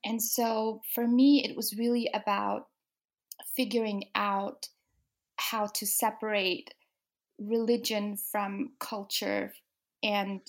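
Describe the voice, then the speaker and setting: A young woman from Denmark talks about herself as a guest author in a casual interview. Her mid-pitched voice has a gravelly, creaky edge, and she pauses often with ums and restarts. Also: level tone. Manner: soft-spoken, many ums and restarts.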